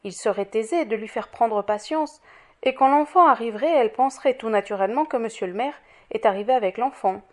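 A woman's voice: a little high, brisk, natural voice. A woman voicing a timid, deferential nursing nun.

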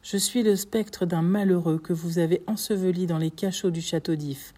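Implacable avenging count, solemn and deliberate, mellow low tone, as a woman narrator reads him. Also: steady tone, lightly acted. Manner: measured, solemn pronouncements. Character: vengeful disguised male count, cold and implacable. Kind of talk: audiobook reading.

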